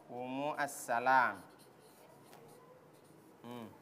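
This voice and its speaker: A woman's voice: very deep voice, fairly even intonation, very slow, a bit bright, slight background noise. A woman teaching recitation, drawing out syllables and correcting her pupils in a call-and-response drill. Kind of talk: classroom pronunciation drill. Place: broadcast studio classroom.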